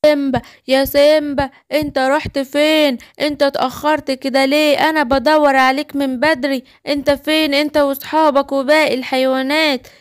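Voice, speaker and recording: A woman's voice: sits high, little pitch movement, a little fast, natural voice. A woman voicing a worried father lion. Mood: anxious. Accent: Egyptian. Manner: anxiously calling out.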